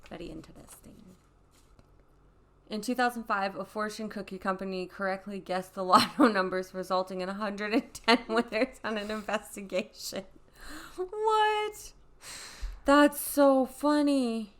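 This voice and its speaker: A woman's voice: medium pitch, normal speed. A woman co-hosting a casual podcast chat, giggling often as she reads out trivia. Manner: giggly, animated, reading out trivia. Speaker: podcast co-host.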